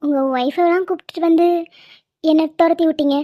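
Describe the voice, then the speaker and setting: A woman voicing a polite, coy young woman on the phone with her old flame in an animated comedy. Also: very high voice, brisk, no echo. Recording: dull lo-fi sound.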